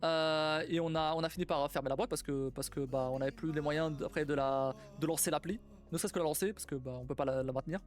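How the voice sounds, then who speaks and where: A man's voice: a little high, steady tone, quick pace, soft background music. A young man chatting casually on a live stream, rambling through his work history and swearing freely. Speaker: streamer and game developer.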